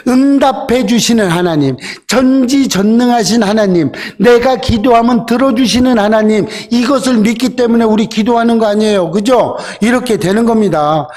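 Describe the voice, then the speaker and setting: Man, pastor, sermon, high-pitched voice, chatty rhetorical questions. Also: darkish tone. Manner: conversational preaching with frequent rhetorical questions; acts out quoted voices in short dramatized asides.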